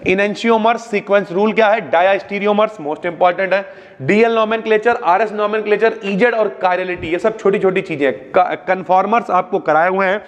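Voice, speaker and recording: A man's voice: fairly even intonation, fairly quick, long reverb tail. A young man with a North Indian Hindi accent gives a casual exam revision lesson, calling students brother and using homely examples. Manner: chatty, addresses students as bhaiya, homely examples, drops pitch on asides. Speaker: exam-prep teacher.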